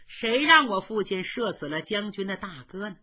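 A woman storyteller voicing a gentle, conciliatory young male prince who speaks softly and measured, on a dull lo-fi recording. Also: mid-range voice, animated, breathy edge. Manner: soft, soothing and measured. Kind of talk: traditional storytelling.

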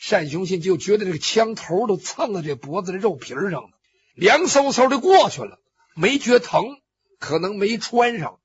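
A man's voice: sits high, animated, normal speed, breathy edge. A man telling a traditional Chinese story vividly, with spoken sound effects and acted cries. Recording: dull lo-fi recording.

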